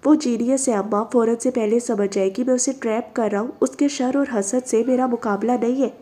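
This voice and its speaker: A woman's voice: fairly high pitch, brisk, warm tone, close to an everyday voice. A doubtful young man, as a woman reader puts him on.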